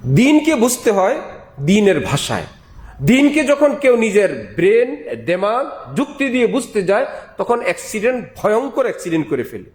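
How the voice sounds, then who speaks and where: A man's voice: high-pitched, sing-song, moderate pace, a little mellow. A male preacher giving a sermon, emphatic, repeating key phrases and asking rhetorical questions. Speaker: Islamic preacher. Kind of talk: Bengali waz sermon.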